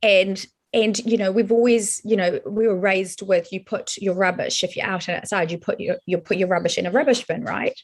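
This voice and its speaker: Woman, middle-aged, broad Kiwi accent, earnest interview storytelling, halting delivery, emphatic. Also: mid-range voice, steady tone. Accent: broad New Zealand (Kiwi). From born in Colombia, raised in New Zealand from age seven. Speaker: podcast guest, advertising professional.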